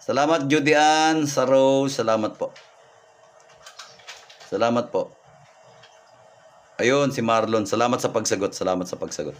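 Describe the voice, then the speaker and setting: Speaking unhurriedly and pausing often in a mid-range voice, a man who livestreams folk-healer readings interprets signs for his audience. He thanks viewers by name, points things out, and tends to repeat himself.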